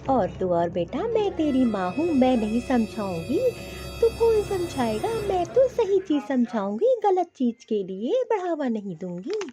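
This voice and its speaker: A woman's voice: high voice, sing-song, measured pace, over music. A woman voicing a middle-aged mother who lectures her daughter in a cartoon, moralizing. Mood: lecturing.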